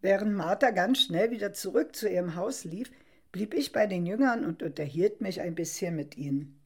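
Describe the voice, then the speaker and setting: Expressive woman reading a storybook aloud. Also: medium pitch, moderate pace, breathy edge. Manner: expressive, wondering, reflective. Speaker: narrator. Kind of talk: first-person storybook narration.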